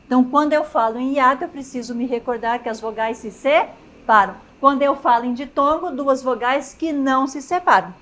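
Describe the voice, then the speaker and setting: A woman's voice: sits high, moderate pace, fairly bright tone. A woman teacher with a Brazilian Portuguese accent giving a grammar lecture at the chalkboard, often stopping to check that students follow. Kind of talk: classroom lecture.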